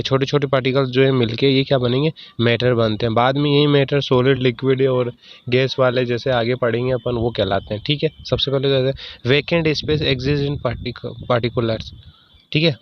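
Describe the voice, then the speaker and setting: A male chemistry teacher giving a slide lecture. He reads English terms slowly, then explains them, and keeps asking questions that he answers himself. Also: mid-range voice. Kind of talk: classroom lecture over slides. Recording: dull lo-fi sound with faint background noise.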